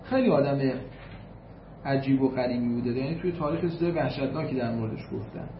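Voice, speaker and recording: An Iranian religious lecturer with a medium-pitched, animated voice delivers a storytelling sermon, emphatically repeating key points and figures for weight. He recites Arabic quotations before translating them, in a roomy, slightly dull recording with a little hiss or hum.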